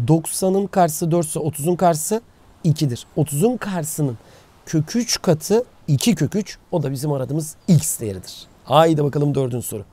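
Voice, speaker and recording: A man's voice: fairly high pitch, warm tone, no room sound. A man teaching a casual geometry lesson outdoors, asking questions and answering them himself. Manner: talks to himself, asks and answers his own questions. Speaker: math teacher. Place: outdoors, by the sea.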